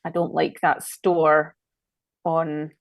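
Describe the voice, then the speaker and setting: Unhurried Scottish woman with gravelly voice. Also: low-pitched, level tone, dry recording. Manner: chatty, thinking aloud while working. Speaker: designer guest. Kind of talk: casual live-stream demo.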